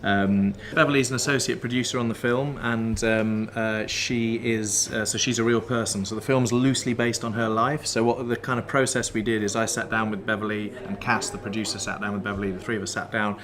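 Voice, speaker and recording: A man from South Wales, a writer and director, explaining his work in a festival interview in a measured way, pausing often. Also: fairly low pitch, steady tone, a bit bright, soft background music. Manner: measured, explanatory, pauses with fillers.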